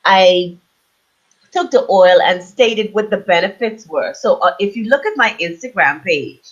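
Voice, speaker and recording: Dull, lo-fi online call audio carries a mid-range female voice with lively intonation and a measured pace. The speaker, an interview guest from the Bahamas, is an author who owns an aromatherapy business and is explaining what she does.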